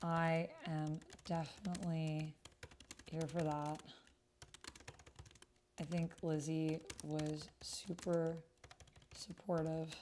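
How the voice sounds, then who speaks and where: Keyboard typing and slight background noise accompany a woman streamer's casual livestream of a text roleplay game. Her low, darkish voice keeps a level tone, going slowly with long pauses. Informal and gushing, she often murmurs to herself while typing and reading messages aloud.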